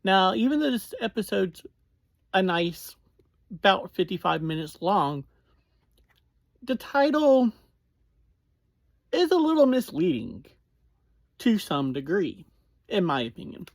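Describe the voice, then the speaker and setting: Reviewing and recapping an episode in a relaxed, chatty way, a podcast host talks slowly, breaking speech into short, halting phrases. The voice is medium-pitched, sing-song, and creaky, captured in a close, dry recording with barely any room sound.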